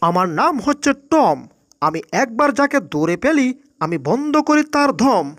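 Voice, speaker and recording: A boastful cartoon tomcat played by a woman with a very high voice. He is quick to panic and speaks in exclamations, in the style of a dubbed cartoon. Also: sing-song. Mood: gloating. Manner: rhyming boasts, exclamatory wailing. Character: boastful, easily panicked male cartoon cat. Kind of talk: Bangla cartoon dub.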